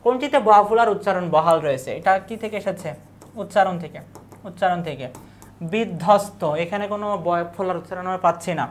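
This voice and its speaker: A female teacher with a fairly low voice talks fast through an exam-prep lecture. She raises questions only to answer them herself, repeating key words and running through lists.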